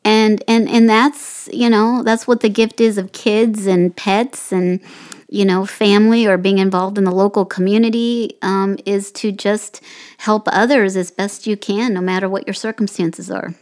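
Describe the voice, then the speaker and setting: A woman's voice: mid-range voice, fairly even intonation, unhurried, darkish tone. A woman hosting a podcast in casual conversation, rambling and encouraging, often saying "you know". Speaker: podcast host.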